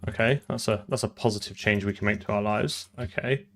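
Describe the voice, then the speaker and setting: A man's voice: fairly low pitch, fairly even intonation, brisk. A man live-streaming his programming, talking through code and answering chat, often trailing off and repeating words.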